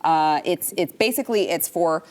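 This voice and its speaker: A woman hosting a political talk show in a casual, chatty way. Her voice sits a little low for a woman. She rambles, restarts her sentences and laughs easily. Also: moderate pace, darkish tone. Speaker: host.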